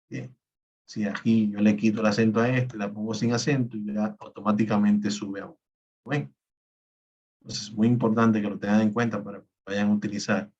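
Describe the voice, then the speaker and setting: A man's voice: lowish voice, distant mic, lo-fi sound. A male teacher giving an online class, explaining patiently step by step. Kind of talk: online class lecture on spreadsheets.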